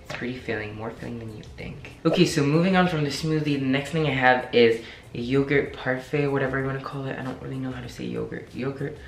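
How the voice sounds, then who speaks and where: A young man talks through his breakfast recipes in a relaxed, joking way, poking fun at himself. His voice sits at an ordinary middle pitch for a man. It bounces around an echoey home kitchen while pots and dishes clank clearly in the background. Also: fast talker, a little hiss or hum. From France. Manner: chatty, playful, jokes at himself. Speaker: cooking vlogger. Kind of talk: casual cooking demonstration.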